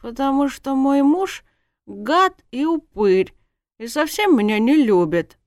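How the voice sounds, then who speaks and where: A woman's voice: big pitch swings, a little slow, dry recording, studio quality. A woman playing a giggly tipsy princess. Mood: sulky. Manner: giggly, high, sing-song teasing. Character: tipsy, cheeky young princess bride, playful and stubborn. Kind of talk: audiobook character voice.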